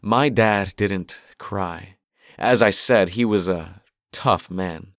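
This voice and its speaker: A guarded, somber police detective, as a male narrator plays him in a low voice. He speaks in a measured way, told as an audiobook. The sound is dry and close to the mic. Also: no echo. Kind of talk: audiobook character voice.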